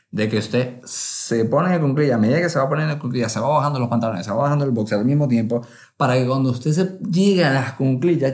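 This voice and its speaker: A man, telling a comic travel story in a lively way, full of sound effects and acted-out inner voices. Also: mid-range voice, reverberant. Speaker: travel vlogger.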